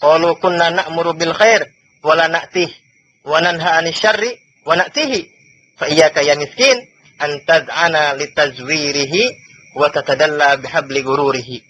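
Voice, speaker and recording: A man with a high, bright voice teaches from a classical religious book, reading slowly and then explaining in a loose, chuckling way. The sound comes from old worn tape, dull and lo-fi. A faint hiss runs underneath. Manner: chatty, chuckles often between points. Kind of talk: classical book study lesson.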